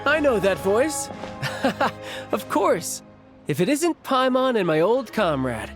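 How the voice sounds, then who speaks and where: A breezy young warrior brother. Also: male voice, very high-pitched, very animated, takes it slowly, music in the background, full character voice. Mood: amused. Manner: easygoing, teasing. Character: cocky young male warrior, playful older brother.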